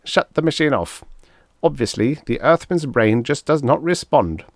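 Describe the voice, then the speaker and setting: A man voices an evil, irritable, toadlike alien commander in a pulp science fiction audiobook, barking orders and sneering with frustrated anger. His medium-pitched voice is pushed up and lightly acted, with lively intonation at a moderate pace, in a dry, clean studio recording.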